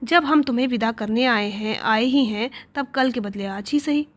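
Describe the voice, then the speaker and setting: An insistent young husband, brisk and a little sarcastic, as a woman reading a story aloud puts him on. The voice stays fairly high and plain. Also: close to an everyday voice.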